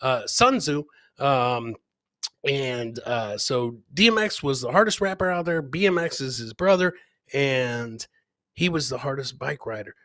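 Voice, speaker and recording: With no room sound in the recording, a middle-aged man speaks at a measured pace in a medium-pitched, fairly bright voice. As comedian host of a livestream clip show, he riffs casually on video clips with jokes and keeps coming back to his catchphrases.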